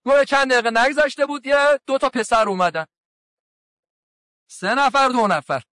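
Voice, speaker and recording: A man's voice: very high-pitched, sharp tone, no room sound. A man who is a cleric, giving a sermon in a colloquial way, retelling conversations with quoted lines from around Qom. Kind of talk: sermon with anecdotes.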